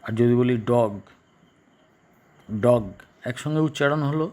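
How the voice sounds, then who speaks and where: Male teacher, slow and halting. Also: mid-range voice, darkish tone. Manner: slow, halting, repeats and translates each phrase. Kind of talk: class lesson explaining English in Bengali.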